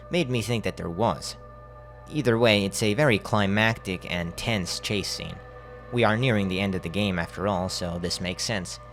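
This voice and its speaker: A man's voice: on the low side, a bit bright. A man narrating a video game critique as a voice-over. He speaks casually and bluntly and swears freely.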